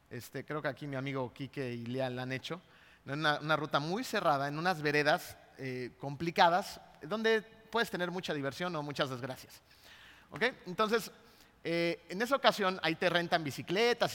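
A Mexican-accented man preaches a sermon, spinning a personal story and checking in with his listeners. His voice is bright and pitched fairly high. The sound rings with the long reverb of a large hall. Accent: Mexican Spanish. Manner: lively storytelling, often checks in with the congregation.

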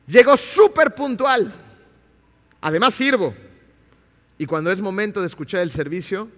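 A self-righteous churchgoer brags about his good deeds in a smug, sing-song voice, as a preacher puts him on. The voice sits high for a man. A long reverb trails behind every phrase. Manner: smug, bragging.

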